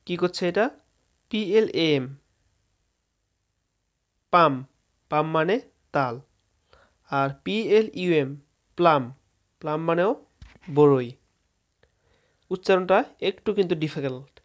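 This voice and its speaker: A man with a slightly high voice, whose first language is Bengali, gives a relaxed spoken lesson on English fruit names and spells the words letter by letter for viewers.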